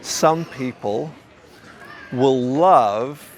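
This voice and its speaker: Speaking very slowly in a medium-pitched voice, a qigong teacher with a slight New Zealand accent muses to camera in a relaxed, reflective way. He wanders, frequently stumbling into restarts and fillers, over a faint hiss or hum.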